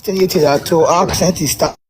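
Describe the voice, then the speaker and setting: A man's voice: a little high, steady tone, a little mellow, slightly rough, dry recording. Man on a call that keeps breaking up. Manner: halting, keeps checking he can be heard. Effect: choppy call audio breaking up, noisy background. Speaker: audience member asking a question. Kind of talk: online group discussion.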